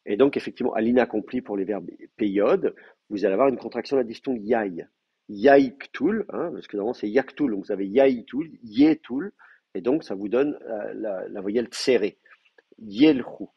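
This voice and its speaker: This is a language teacher, a man with a fairly low, husky voice and a brisk delivery. He walks through the material step by step, musing aloud amid frequent fillers and hesitations, captured in a muffled lo-fi class recording.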